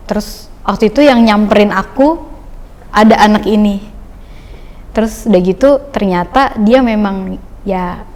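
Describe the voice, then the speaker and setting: A woman's voice: medium pitch, a little mellow, big-room sound. A young woman guest speaking in a chatty, loose storytelling way with many fillers, giving a casual personal testimony on a podcast.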